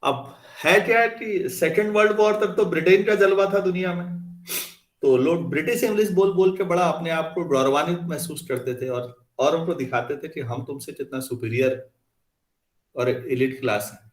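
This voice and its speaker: A male teacher lectures his class in an easy, conversational way and keeps asking whether the students follow. His voice sits a little high. The classroom gives it a noticeable echo. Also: normal speed. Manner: conversational, asks students questions. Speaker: math teacher.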